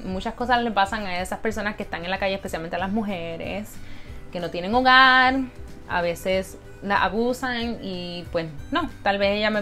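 A young woman, telling a story to camera as a vlogger in an animated, dramatic way and mixing in English words. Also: mid-range voice.

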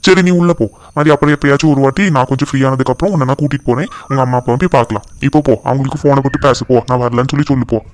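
A man voicing a caring middle-aged father in a cartoon, soft-hearted and pleading. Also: medium pitch, very fast, few pauses, natural voice. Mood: gentle.

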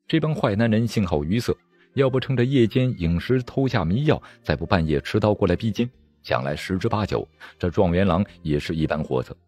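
Guy reading a wuxia novel, deep husky voice, really lively delivery. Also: a little fast. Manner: dramatic, expressive storytelling. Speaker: audiobook narrator.

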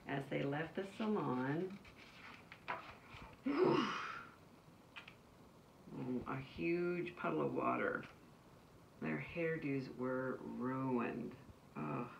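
A woman's voice: sits low, vocal fry. A woman who teaches nursery school, reading a picture book aloud to children and stopping to chat casually about the pictures. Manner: pauses to describe the pictures in a casual, chatty way. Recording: distant mic, faint background noise.

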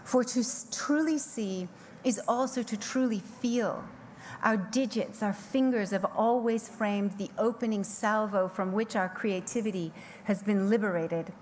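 On a big conference stage, a middle-aged woman with a mid-range, slightly mellow voice speaks into a podium mic, reading a prepared keynote. Her delivery is measured and poetic, with slow pauses that lean on important phrases. Faint background hiss sits under the audio.

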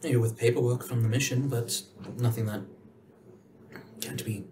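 A man's voice: medium pitch, fairly even intonation, a little mellow, far from the mic, slight background noise. A man narrating as game master in a tabletop game, talking loosely with fillers. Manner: loose, halting delivery with fillers.

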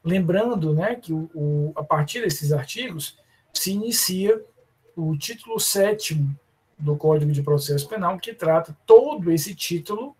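A man with a Brazilian accent teaching a live online law class, often calling students by name and slowing down to stress terms. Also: on the high side, animated, a little mellow, breathy edge. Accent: Brazilian Portuguese. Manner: addresses students by name, many fillers and restarts. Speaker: law professor.

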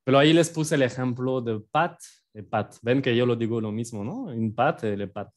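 A man's voice: mid-range voice, moderate pace. A French man with a French accent teaching a language lesson in a playful, self-deprecating way, explaining with examples.

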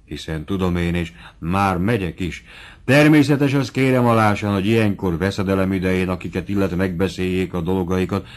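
Sly, fawning tipsy manservant in an audiobook, read by a man, obsequious and confiding, low voice. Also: lightly acted.

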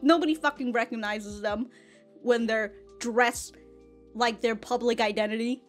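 Soft music plays behind a twenty-something woman hosting an anime reaction video in a small room with an anime backdrop. Her fairly high voice is fairly even and unhurried as she chats close to a large foam-covered studio mic, rambling, laughing often, swearing, and repeating words.

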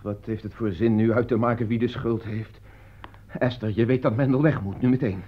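A troubled middle-aged doctor and father, played by a man in an old radio drama. He speaks gravely and deliberately, in a mid-range voice. The recording is muffled and dull, like a vintage broadcast. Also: mid-range voice, fairly even intonation, a little hiss or hum, natural voice. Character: worried middle-aged male doctor and father, stern but gentle. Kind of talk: 1950s-style radio drama acting.

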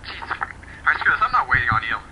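A laid-back young man with a mid-pitched voice talks bluntly through voice chat during a co-op game. His audio carries a steady, clear layer of noise. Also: rapid-fire, muffled recording. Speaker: gaming partner. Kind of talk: casual gaming chat. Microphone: voice chat mic.

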